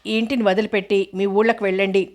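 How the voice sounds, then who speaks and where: A woman's voice: medium pitch, level tone, quick pace, darkish tone, natural voice. A woman voicing a worried older man in an audiobook novel, pleading and anxious.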